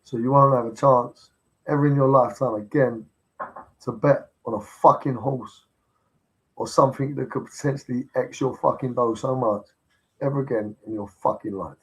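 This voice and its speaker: A man's voice: medium pitch, steady tone, moderate pace, breathy edge, poor audio. A man ranting on a casual livestream, blunt and insistent, swearing heavily as he pushes his point. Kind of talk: casual live-stream rant.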